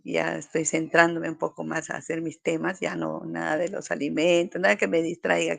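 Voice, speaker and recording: A middle-aged woman sharing a personal spiritual testimony at a group meeting, reflective and halting, with frequent fillers. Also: fairly low pitch, vocal fry, no echo.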